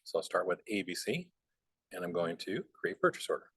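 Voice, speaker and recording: A man teaching a bookkeeping software class in a relaxed, rambling way, with plenty of fillers and chatty asides. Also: sits low, fairly quick, breathy edge. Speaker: bookkeeping instructor.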